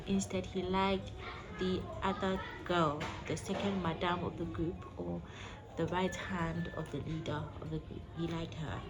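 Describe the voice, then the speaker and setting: A woman's voice: mid-range voice, very noisy. A woman vlog host telling a personal story casually and emphatically, speaking directly to her listeners. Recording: background music behind the voice. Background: music.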